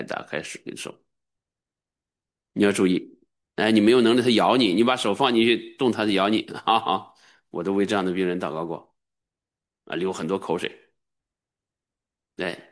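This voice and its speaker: A middle-aged man delivers a sermon as a pastor, speaking emphatically and now and then breaking into high-pitched exclamations.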